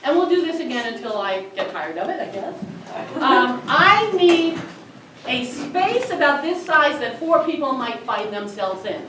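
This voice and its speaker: A woman emceeing a live improv comedy show, lively as she explains the game rules to the audience. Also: high voice, unhurried, distant mic. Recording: roomy live venue audio from afar with audience noise.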